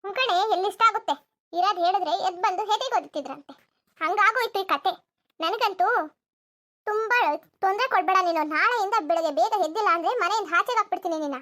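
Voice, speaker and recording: A woman's voice: very high voice, fast, pushed and bright. A woman voicing a bossy, scolding mother-in-law in a cartoon comedy, nagging and threatening.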